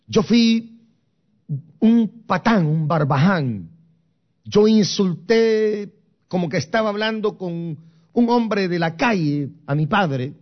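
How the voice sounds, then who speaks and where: An older man from Guatemala with a Guatemalan accent, giving an emotional sermon testimony with dramatic storytelling that swings from loud to soft. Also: high voice. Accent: Guatemalan Spanish. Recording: dull lo-fi recording.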